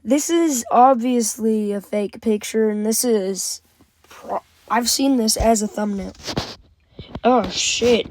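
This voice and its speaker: A woman's voice: on the high side, slow, darkish tone, a little hiss or hum, low-quality recording. A woman giving casual, blunt, nitpicking reaction commentary in short interjections. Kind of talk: casual debunking reaction commentary over a video.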